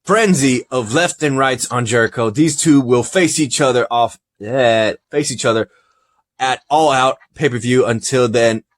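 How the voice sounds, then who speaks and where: A man hosting a casual podcast review, talking in an animated way, reading results aloud and laughing often. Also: mid-range voice, a little slow. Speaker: podcast host.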